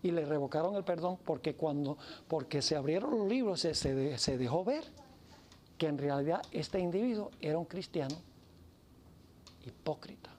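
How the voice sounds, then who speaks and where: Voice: medium pitch, expressive, moderate pace, darkish tone. An emphatic preacher delivering a sermon, his voice in a middle register. He swings through the story with vivid emphasis. Faint ambient noise sits in the background.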